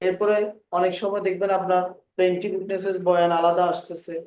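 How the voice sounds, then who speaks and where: A male law lecturer with a Bangladeshi accent, giving a classroom lecture, dictating legal phrases slowly and often checking that students follow. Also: sits high, level tone, a little mellow, slight background noise. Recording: distant, echoey, dull room recording.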